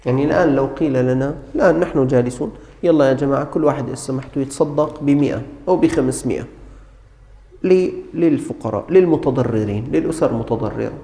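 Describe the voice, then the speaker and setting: A man's voice: medium pitch, fast, warm tone. A man preaching a sermon, speaking earnestly to the congregation as his brothers and telling stories to make his point. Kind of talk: sermon with storytelling. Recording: long hall reverb.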